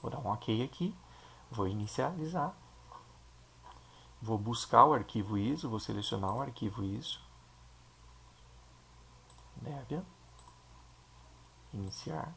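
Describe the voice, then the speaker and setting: Gravelly-voiced Brazilian man teaching software. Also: mid-range voice, lively intonation, slow pace, pauses often, a little hiss or hum. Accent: Brazilian Portuguese. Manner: explanatory, checks in with "tá?" and "ok?". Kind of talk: screen-recorded software tutorial.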